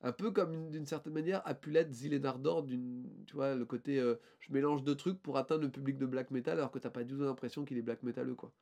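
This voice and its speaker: A man's voice: medium pitch, fairly even intonation, fast, few pauses, dark tone. A man co-hosting a casual podcast, presenting a band in a rambling, hesitant way with many fillers and restarts.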